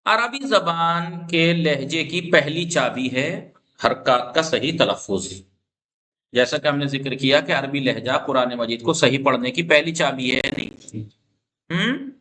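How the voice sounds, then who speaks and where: A man with a high, bright voice leads a lesson on Quran recitation in a classroom. He demonstrates the vowels slowly, repeats examples, and keeps asking whether the students understand. His voice sometimes drifts away from the mic. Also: animated. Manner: explains patiently, demonstrates sounds, checks students often.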